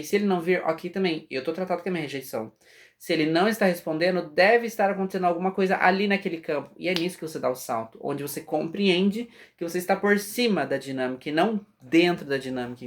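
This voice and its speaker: A man with a Brazilian Portuguese accent giving a casual spiritual class, talking conversationally and often checking that his listeners follow. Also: fairly high pitch. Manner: conversational, often asks "entende?". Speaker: spiritual teacher.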